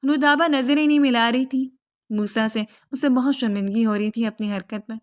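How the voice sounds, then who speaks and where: Woman narrator, scripted storybook reading, steady, fairly high voice.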